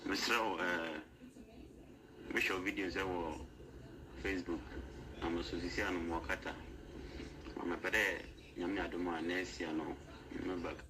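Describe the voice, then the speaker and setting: A man speaking in a halting, formal way as a caller, heard from a distance on a recorded voice note. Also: sits low, flat delivery, noisy background.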